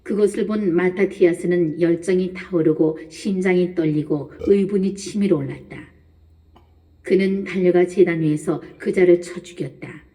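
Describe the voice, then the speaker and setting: A woman narrating a Bible reading in a calm, measured way. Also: on the low side, distant mic.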